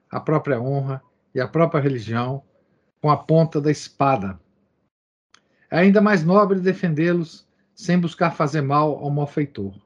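A man with a somewhat high voice reads a text aloud in lecture style. He marks quotations, then adds loose spoken asides and keeps dropping in little tag questions. The recording sounds dull and lo-fi. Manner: reads quoted passages, adding asides and verbal tics like "né?". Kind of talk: reading and commenting on a text.

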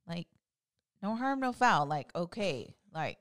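A woman in her thirties, a mother chatting casually with her husband and telling a family story with animated quoted lines. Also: fairly low pitch, slow pace, no room sound, studio quality. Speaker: co-host, wife and mother. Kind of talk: casual chat.

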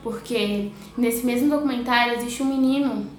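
A woman's voice: on the high side, normal speed. A woman, a guest in a casual discussion, speaking reflectively with hesitations and trailing phrases. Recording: roomy echo.

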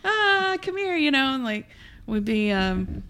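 A woman's voice: sits high, a little slow. A woman telling childhood stories in a casual podcast chat, laughing often. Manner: laughs often, animated storytelling. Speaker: guest.

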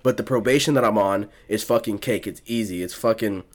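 Swearing freely and leaning on fillers, a young male podcast co-host spins a relaxed story in casual conversation. His voice sits on the low side and moves a little fast.

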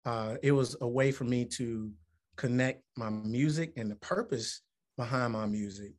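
A man's voice: mid-range voice, normal speed. Musician guest, man, 40s, from Alabama, earnest and reflective, mid-range voice. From Alabama, United States. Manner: earnest, reflective, building to emphatic points. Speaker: musician and motivational speaker. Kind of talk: interview conversation.

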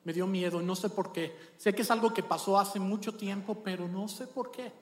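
A man voicing a frightened little boy who talks softly and haltingly, stumbling over his words. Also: high voice, natural voice. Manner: soft, hesitant, stammering child voice. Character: anxious little boy, uneasy and scared. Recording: echoey church hall.

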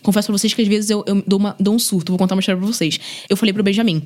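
A woman's voice: medium pitch, very fast. A young Brazilian woman, a guest on a podcast, chatting casually about her life as a single mother and filling her speech with "né?" and "gente". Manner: chatty, animated, lots of "né?" and "gente". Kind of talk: casual chat, personal storytelling.

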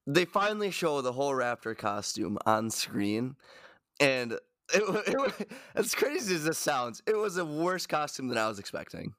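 A man in a relaxed chat about a film, his voice rising and falling a lot as he talks. He cuts in with dry corrections and extra details. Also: medium pitch, normal speed. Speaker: podcast co-host. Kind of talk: casual chat.

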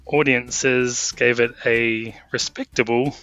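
A man's voice: mid-range voice, steady tone, slow, sharp tone, muffled recording, faint music behind. A man hosting a casual film podcast, upbeat as he reads out film stats and facts. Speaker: podcast host.

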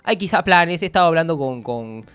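A man's voice: fairly high pitch, animated, fairly quick, a bit bright, smooth, no room sound, faint music behind. A man doing a grumpy, foul-mouthed old doctor. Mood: boastful. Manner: insulting, rambling, stammers and repeats words. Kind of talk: comedic character interview.

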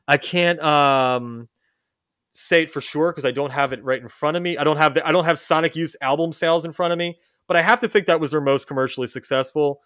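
Guy rambling about old bands on a podcast, kinda high voice, keeps fixing what he says. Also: a bit bright, dry recording, studio quality. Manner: rambling, self-correcting, lots of restarts. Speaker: podcast host. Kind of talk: casual chat about music history.

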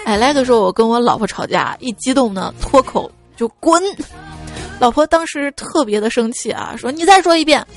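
A woman host reading listener jokes aloud, laughing at her own lines and jumping her voice up to act out the people in each joke. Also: normal speed. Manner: lively, acts out quoted speakers with jumps in pitch. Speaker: radio-style joke show host. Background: faint background music.

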